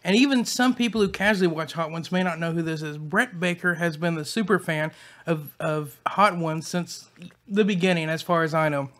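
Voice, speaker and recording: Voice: medium pitch, moderate pace, fairly bright tone. A co-host chatting casually on a hot-sauce episode, sweating from the heat, often repeating and restarting words. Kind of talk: casual chat while eating hot sauce.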